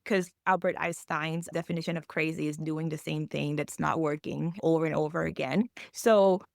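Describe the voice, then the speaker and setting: A woman's voice: deep voice, steady tone, normal speed, creaky, no room sound, clean studio sound. A woman, explaining earnestly as a financial coach in a podcast interview, with phrasing. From Thailand.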